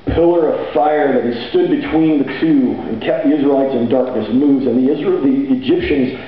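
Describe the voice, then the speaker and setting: A middle-aged man preaching a sermon on stage with a handheld mic, energetic and sometimes shouting as he paces. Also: medium pitch, normal speed. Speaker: pastor. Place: large hall stage with band gear, seen from far off. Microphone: handheld mic, far camera. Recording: echoey hall from far off, dull audio, faint noise.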